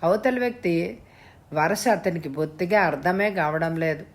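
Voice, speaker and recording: Low-voiced woman narrating a thriller. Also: normal speed. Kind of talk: audiobook narration.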